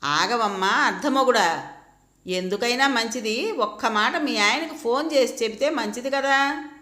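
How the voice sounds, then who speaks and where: A woman's voice: on the high side, animated, a little slow, sharp tone. A woman voicing a scheming sister-in-law who talks in a sarcastic drawl, in an echoey room. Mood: mocking.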